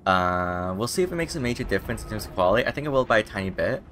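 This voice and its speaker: A man's voice: fairly low pitch, lively intonation, racing, fairly bright tone, slight background noise. A young man doing casual, rambling, profane gameplay commentary as a streamer. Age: young adult. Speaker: game streamer.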